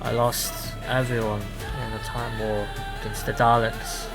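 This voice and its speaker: Guy doing the doctor, old lonely time-traveling alien, stumbly rambling talk, mid pitch, music behind. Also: little pitch movement, natural voice. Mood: somber. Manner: halting, rambling, with restarts and fillers. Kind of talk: improvised fan audio drama.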